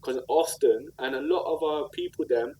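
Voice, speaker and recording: A South London man, a rapper and community activist, talks as a podcast guest in an earnest, slangy, conversational way, reflecting and telling stories. His mid-range voice has a darkish tone and moderate pace, peppered with "like" and "you know what I mean." The recording quality is low.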